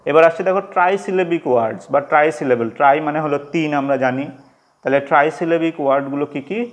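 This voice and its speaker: Man teaching slowly. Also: a little high. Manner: slow, repetitive, stretches out example words. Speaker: English teacher. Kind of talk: classroom-style explanation.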